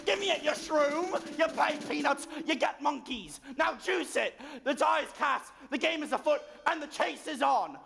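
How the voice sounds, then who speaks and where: An actor playing a brash, bossy, gravelly pirate captain who barks orders and mocks the crew in a stage play. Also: sits high, lively intonation, normal speed, few pauses, fairly bright tone, faint music behind, exaggerated voice. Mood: brash, commanding. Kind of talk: theatrical stage acting.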